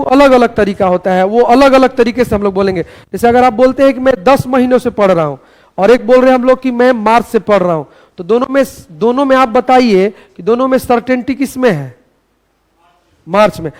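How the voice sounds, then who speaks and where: A man teaching a class in a classroom, loud and playful, rallying the students with call-and-response. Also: very high-pitched, a little fast. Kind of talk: energetic classroom lecture.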